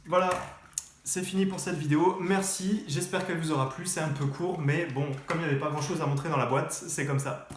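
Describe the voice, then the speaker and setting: A man's voice: a little high, steady tone, brisk. A man unboxing computer parts in a casual vlog, talking hesitantly with lots of fillers and restarts. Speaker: tech youtuber. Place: room at his desk. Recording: echoey room, faint background noise.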